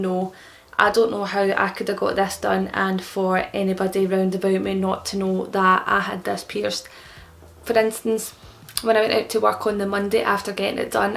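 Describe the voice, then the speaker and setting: A young woman in casual explanatory vlog talk, her speech slightly impeded and thick-tongued, as with a newly pierced tongue. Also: mid-range voice. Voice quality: creaky. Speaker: vlogger answering common questions.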